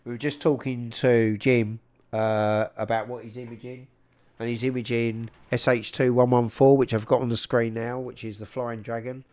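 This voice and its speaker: A man with a South London accent hosts a casual livestream. His voice sits at an average pitch, and he talks informally and matily to his viewers, close up on a big microphone. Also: flat delivery, moderate pace, a little mellow. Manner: informal and matey, calling people "mate". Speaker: livestream host. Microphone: large microphone up close.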